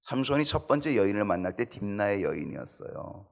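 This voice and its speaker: Animated male pastor preaching. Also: brisk, vocal fry. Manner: animated preaching, acts out quoted pleas in high voice. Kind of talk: Bible study sermon.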